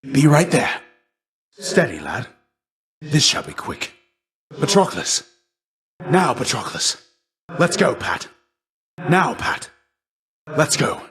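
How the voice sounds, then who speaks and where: Voicing a kindly, world-weary warrior shade who mentors in a video game, a middle-aged man sounds rousing and battle-ready. His deep, soft-edged voice makes big pitch swings while keeping a measured, courteous, old-fashioned formality.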